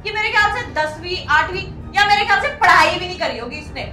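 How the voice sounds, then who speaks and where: In a melodramatic scripted Hindi skit, a young woman plays a haughty, cruel customer, scolding with mocking contempt. Her very high-pitched voice is sharp, animated, fast and heavily acted, with roomy echo and faint music behind her.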